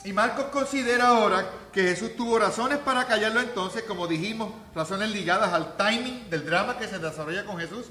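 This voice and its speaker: A man preaching a sermon as pastor, talking conversationally, then rising to loud, emphatic peaks. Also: high voice, brisk, hardly any pauses, roomy sound, slight background noise.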